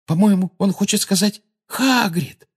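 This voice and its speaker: A frightened teenage schoolgirl witch, as a male audiobook reader puts her on, her voice pushed up high and breathless. She pleads and cries out in short bursts from a storybook scene. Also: measured pace, slightly rough, exaggerated voice. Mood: urgent whisper. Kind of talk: audiobook character reading.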